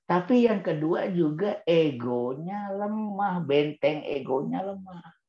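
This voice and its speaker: A man's voice: high voice, expressive, takes it slowly, creaky. A man giving an Islamic parenting talk to parents, asking rhetorical questions and answering them himself, and repeating key words for emphasis. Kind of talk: book-review talk to parents. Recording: roomy dull-sounding recording.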